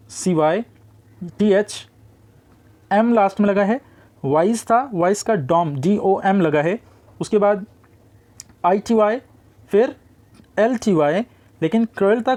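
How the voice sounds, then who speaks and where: A man teaching a grammar lesson, explaining step by step and reading out word pairs slowly. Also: high voice, darkish tone. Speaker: English teacher. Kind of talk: classroom-style grammar lesson.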